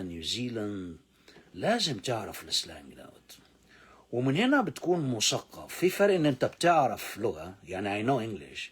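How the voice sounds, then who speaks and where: Animated, husky Egyptian man teaching English. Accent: Egyptian Arabic. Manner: animated, repeats words slowly for pronunciation drills; swings between loud emphasis and low asides. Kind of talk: English lesson explained in Arabic.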